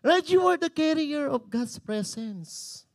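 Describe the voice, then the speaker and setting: A man with a Filipino English accent and a strikingly high voice, preaching a church sermon. He talks with passion and rises to a shout at times. He keeps teasing and bantering with the congregation. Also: lively intonation, unhurried. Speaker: pastor. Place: church service before a congregation.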